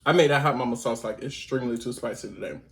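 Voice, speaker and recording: A man's voice: mid-range voice, quick pace, vocal fry, a bit bright. Chatty man eating on camera. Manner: chatty, addresses viewers as y'all, hums while chewing. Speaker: mukbang vlogger. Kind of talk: casual eating vlog chat.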